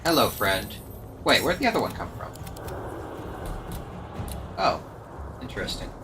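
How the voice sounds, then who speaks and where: While playing a game live, a streamer gives wry, self-mocking running commentary in a medium-pitched, sing-song voice at a measured pace. Game music and sound effects play underneath, adding background noise.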